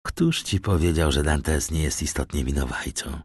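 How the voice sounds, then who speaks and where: A man's voice: a bass voice, moderate pace, breathy edge, dry recording. A man voicing Danglars, a sly scheming agent. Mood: menacing. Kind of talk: audiobook character reading.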